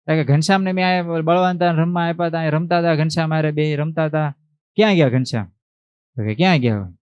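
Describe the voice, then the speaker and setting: A man, a monk telling a devotional story in an animated way, acting out voices and asking the listeners questions. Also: a little high, no room sound, muffled recording. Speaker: monk giving a religious discourse.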